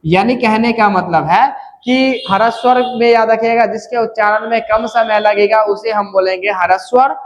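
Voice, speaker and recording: A man teaching a Hindi grammar lesson, repeating key terms slowly and checking in often with the class. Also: sits high. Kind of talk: classroom lecture.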